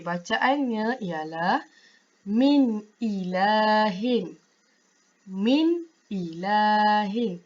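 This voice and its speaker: Woman, Malaysian accent, religious teacher, slow, patient, muffled recording. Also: mid-range voice. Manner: slow, patient, repeats examples. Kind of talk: Quran recitation lesson. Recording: dull lo-fi recording.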